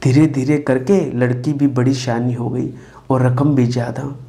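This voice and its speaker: A man narrating a devotional moral story, speaking slowly and deliberately and briefly acting out the characters' lines. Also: mid-range voice, little pitch movement, creaky, warm tone. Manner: slow, deliberate storytelling with brief acted quotes. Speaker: spiritual storyteller.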